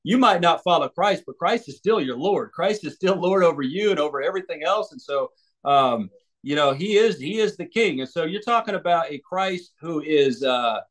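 A man's voice: a little high, lively intonation, moderate pace, a bit bright. A man from the United States, an evangelist and author, answering interview questions thoughtfully, with many restarts and fillers.

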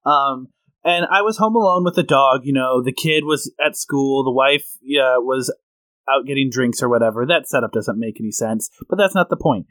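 Chatting casually on a comedy podcast, a male co-host explains things at length and tells stories. His voice is medium-pitched and a bit bright, at a moderate pace, with no echo.

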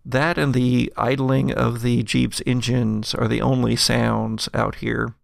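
A creaky, gravel-edged voice guides a tabletop horror session, its game master pausing and choosing each word with care. The pitch is mid-range and the delivery flat, in a clean studio recording with no echo.

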